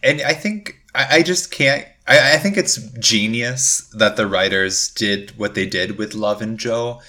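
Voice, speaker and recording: A man's voice: fairly low pitch, measured pace, bright, forceful tone. A man co-hosting a podcast, chatting casually and emphatically, peppering his talk with "like". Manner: emphatic, conversational, with frequent "like". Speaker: podcast co-host. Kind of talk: casual podcast chat about a TV series.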